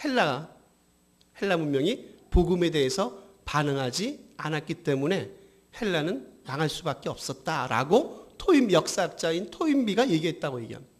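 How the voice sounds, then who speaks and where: High-voiced pastor preaching. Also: male voice, sing-song, moderate pace. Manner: asks the congregation questions and answers them himself; rises to fervent emphasis. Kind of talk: sermon.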